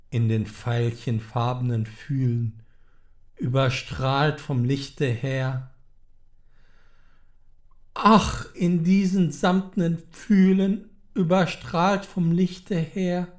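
A middle-aged man giving a dramatic poetry recitation, solemn and brooding, rising into loud impassioned pleading. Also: mid-range voice. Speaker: poetry reader.

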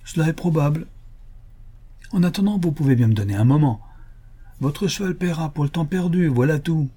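Man putting on a gruff, bitter old drunkard. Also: a little high, expressive, normal speed, voice pushed up. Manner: gruff, bitter, bursts out loudly. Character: sick, bitter, hard-drinking rich old builder.

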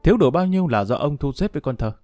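A man voicing a reserved grown stepson, measured and curt. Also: a little high, animated, a little mellow, no echo, clean studio sound, soft background music, natural voice. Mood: firm.

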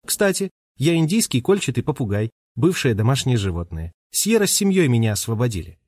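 A man's voice: mid-range voice, very animated, brisk, a little mellow, no room sound, studio quality. A man voicing Kiki, a shy, defensive teenage parrot-shifter girl in an audiobook.

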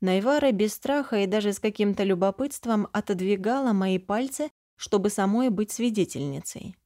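Woman narrating an audiobook, mellow tone. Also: mid-range voice, lively intonation, normal speed, no echo, studio quality. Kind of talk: scripted first-person narration.

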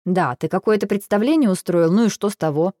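A woman reading a first-person audiobook, lively and exasperated in her delivery. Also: medium pitch, fairly quick, no room sound, clean studio sound. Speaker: audiobook narrator.

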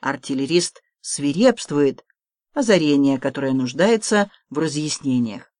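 Audiobook narrator, expressive storytelling, mid pitch, dry room. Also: measured pace, no room sound. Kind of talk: scripted narration.

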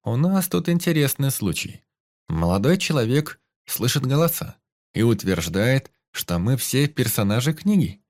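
A man voicing a calm, cheerful male doctor in a storybook reading, his voice raised and brighter than his narration. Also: mid-range voice, normal speed, no echo, voice pushed up, natural voice.

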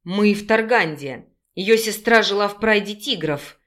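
A man's voice: high-pitched, measured pace, a bit bright. A woman voicing a sullen, mocking male werewolf who speaks curtly through his teeth, in an audiobook.

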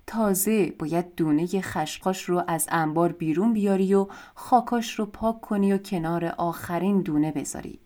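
A woman's voice: lowish voice, mellow, lightly acted. A woman reading the lines of a stern, demanding old witch woman in an audiobook of a fairy tale, with a curt, commanding manner.

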